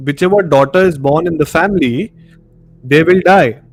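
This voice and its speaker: With soft music in the background, this man speaks in a slightly high voice at normal speed. He's an Indian-accented live stream host leading a casual discussion, rambling somewhat and repeating words for emphasis. Room ambience and background noise are clearly audible.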